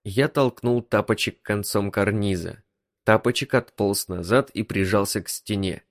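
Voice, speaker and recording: A man reading a first-person story as an audiobook narrator, in an even, measured manner. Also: lowish voice, dry recording, studio quality.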